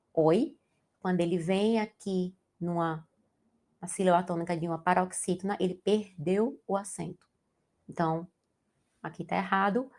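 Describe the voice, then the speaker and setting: Here the same kind of lesson comes in a lowish, darkish voice with vocal fry: a young woman from Brazil, teaching Portuguese grammar for an exam, explains in a Brazilian accent and checks in with students using tag questions.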